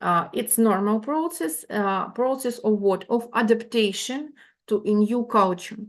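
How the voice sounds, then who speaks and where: A woman from Ukraine giving a university lecture online. She talks haltingly, with many fillers and restarts, and checks in with listeners by asking "yeah?". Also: on the high side.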